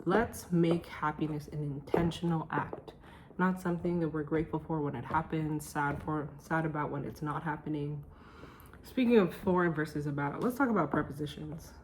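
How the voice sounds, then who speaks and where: A woman's voice: low voice, darkish tone, slight background noise. A woman vlogging to camera at home at night, talking casually about her day and her well-being research in an emphatic, self-joking way. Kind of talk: casual chatty vlog.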